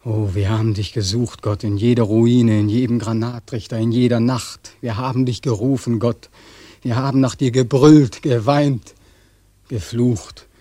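A man's voice: mid-range voice, steady tone, a little slow, mellow, no room sound, clean studio sound, natural voice. A man playing a bitter young war veteran. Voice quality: bitter, mocking, swings into anguished outbursts. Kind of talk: radio drama acting.

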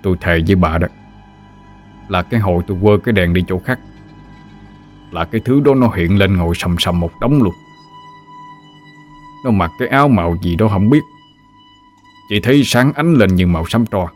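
A man's voice: low voice, animated, moderate pace, pauses often, darkish tone, soft background music. A man in his fifties playing a jumpy, easily scared farmer husband, with a Southern Vietnamese accent, talking in frantic exclamations. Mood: frightened. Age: 50s.

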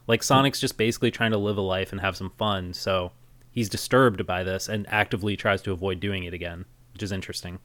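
A man's voice: low-pitched, fairly even intonation, quick pace, a bit bright, no room sound. A man co-hosting a casual movie-review podcast, opinionated with dry sarcastic asides. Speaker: podcast co-host.

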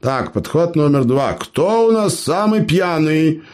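A man's voice: a little high, animated, slow pace, a little mellow, voice pushed up. A man voicing a boastful male gnome adventurer who spins tall tales in a theatrical, exclaiming way. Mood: cocky.

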